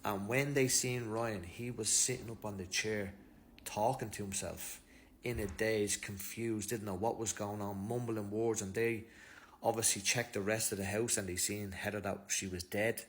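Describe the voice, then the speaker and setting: A man's voice: on the low side, fairly even intonation, normal speed, slight background noise. A man with an Irish accent retelling a crime story in a loose, slangy way, as a commentator. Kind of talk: casual storytelling over footage.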